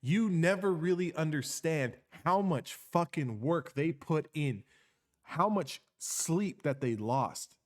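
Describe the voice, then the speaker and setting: A motivational speaker with a fairly high-pitched voice delivers an unscripted monologue. He speaks emphatically, repeats phrases for effect, ends lines with "okay?" and swears casually.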